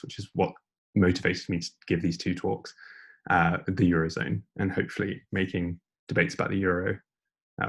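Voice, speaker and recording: Young man, low voice, heavy vocal fry, hushed near-whisper, breathy, informal debating lecture. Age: young adult. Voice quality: breathy, as if losing his voice. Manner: hushed, near-whisper, trying to talk as quietly as possible.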